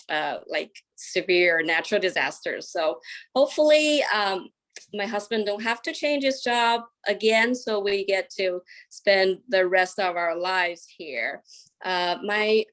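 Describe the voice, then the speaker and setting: A woman, introducing herself on a panel with many hesitant pauses. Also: mid-range voice, a bit bright. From China. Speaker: immigration attorney, panelist.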